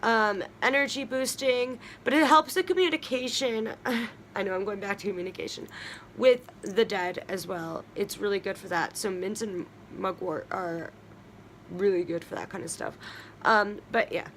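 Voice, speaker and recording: A young woman hosts a relaxed talk about herbs for a witchcraft video, chatting her way down a list with plenty of ums and restarts. Her voice sits in the mid-range at a moderate pace, fairly bright, with a little hiss or hum in the recording.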